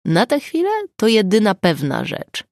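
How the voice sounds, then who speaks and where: A woman voicing a calm, dryly ironic police sergeant who answers in a cool, level tone in an audiobook. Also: mid-range voice, moderate pace, no room sound, studio quality, voice pushed up.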